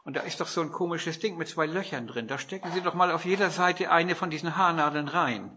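A man's voice: on the high side, a little fast, highs cut off, background noise. A man from northern Germany preaching a sermon, telling stories with rhetorical questions and quoted dialogue.

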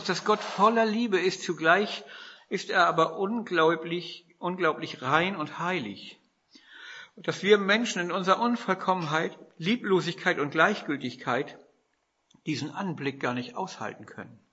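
A man delivers a sermon, moving between stories, quoted dialogue and rhetorical questions. His voice is bright, forceful and somewhat husky, pitched a little higher than most men. The recording sounds dull and lo-fi. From northern Germany. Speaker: preacher.

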